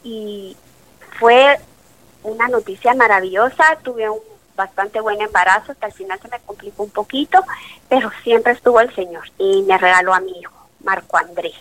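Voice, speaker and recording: Her voice mid-range and her pace moderate, a late-thirties doctor delivers an emotional faith testimony during an interview, telling it with animation and acting out the dialogue. The recording is low quality.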